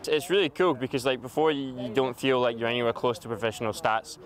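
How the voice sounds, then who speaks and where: A man's voice: medium pitch, steady tone, quick pace. A young man, an amateur footballer, giving a casual interview answer in loose, informal speech. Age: young adult. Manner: informal, frequent "like". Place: outdoor football pitch.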